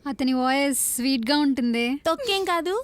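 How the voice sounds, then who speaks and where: An actress playing a young woman in a film comedy who teases her friend in quick banter. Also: high voice, expressive, no room sound. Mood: curious.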